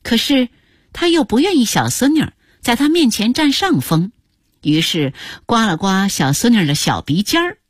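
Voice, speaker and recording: An older woman narrating her own memories as a radio story, expressive and acting out the scenes. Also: a little high, normal speed, husky, dry recording, clean studio sound.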